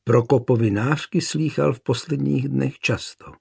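A man reading a historical war story aloud as narrator, with even, measured storytelling. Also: mid-range voice, gravelly, breathy edge. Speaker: audiobook narrator. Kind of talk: scripted narration.

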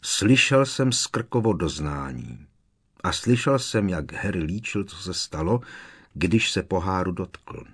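A man reading an audiobook, voicing a wise old male headmaster who speaks in a cold, measured and firm way. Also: sits low, animated, husky, exaggerated voice.

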